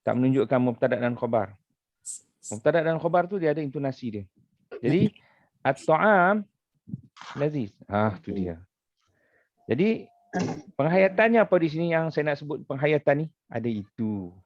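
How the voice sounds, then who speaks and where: A man's voice: fairly high pitch, lively intonation, normal speed, long pauses, no room sound. Malaysian man, religious teacher, arabic grammar lesson, patient, dry dull lo-fi recording. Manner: patient, explains with repeated examples.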